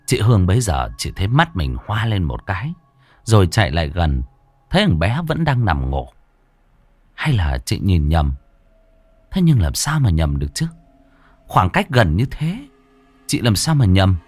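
A man narrating a ghost story in an expressive, animated storytelling manner. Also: moderate pace, breathy edge, no room sound. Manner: lively, expressive storytelling with big pitch swings.

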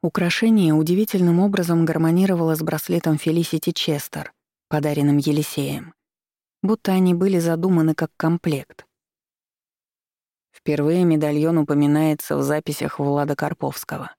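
Brief: steady audiobook narrator, gravelly texture, close and dry recording. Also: medium pitch, moderate pace, no room sound. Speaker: audiobook reader. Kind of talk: scripted first-person narration of a romance fantasy novel.

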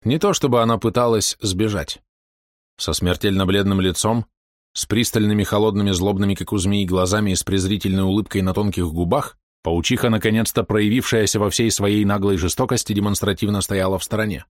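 A man reading a novel aloud in a measured, dramatic narration. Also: fairly low pitch, steady tone, no room sound, studio quality. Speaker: audiobook reader. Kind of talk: scripted narration.

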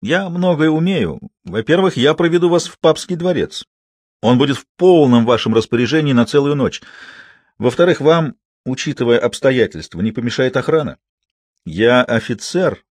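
A man voicing an excitable, aging French gentleman who proposes grandly and talks in effusive exclamations. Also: medium pitch, normal speed, dry recording, voice pushed up, natural voice. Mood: eager.

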